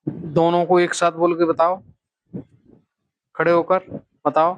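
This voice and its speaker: A man's voice: fairly high pitch, no room sound. A man teaching children a phonics lesson, stretching out syllables and coaxing them to repeat after him.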